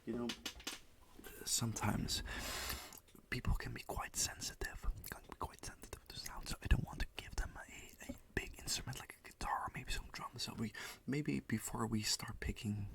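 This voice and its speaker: In a gentle ASMR roleplay, a man plays a music teacher, whispering and speaking softly as he slowly repeats words and reassures the listener. His voice is medium-pitched and creaky, with a steady tone.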